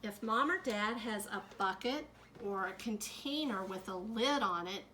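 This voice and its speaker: A middle-aged woman teacher reading a picture book aloud to children, adding gentle comments as she goes. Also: mid-range voice, expressive, slight background noise. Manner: slow, gentle storytime delivery with added comments to kids.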